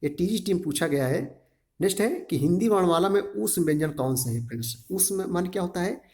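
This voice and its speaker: A man's voice: high-pitched, lively intonation, brisk, darkish tone. Man drilling students with his own quiz questions. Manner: drills syllables aloud, asks and answers his own questions; repeats a quiz-style question to the class again and again. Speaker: teacher. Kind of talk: exam-prep grammar lesson.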